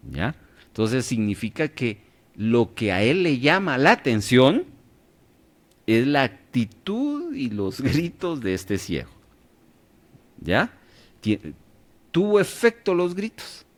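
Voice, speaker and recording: A man's voice: medium pitch, big pitch swings, slow pace, pauses often. A man leading a radio Bible class, quizzing his listeners and checking in often to see that they follow. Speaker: Bible study teacher.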